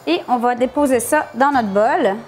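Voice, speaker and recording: Playful high-voiced woman cooking. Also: moderate pace, a little mellow. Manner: playful, jokey, laughs often. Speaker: cooking show host. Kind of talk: casual cooking tutorial.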